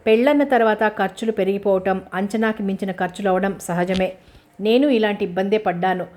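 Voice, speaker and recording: A woman's voice: mid-range voice, close to an everyday voice. A woman voicing a proud, wealthy middle-aged farmer who speaks in a reasoning, dismissive way.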